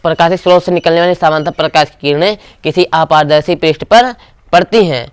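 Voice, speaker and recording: A man's voice: on the high side, a little fast, clean tone, no room sound. Man teaching physics in class. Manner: call-and-response questioning. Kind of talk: classroom lecture.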